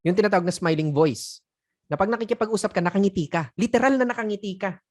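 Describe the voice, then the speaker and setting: A man's voice: high-pitched, quick pace, a little mellow. A man coaching online sellers in a casual teaching talk. He speaks conversationally, chuckles often and drops in acted example phrases. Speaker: sales coach.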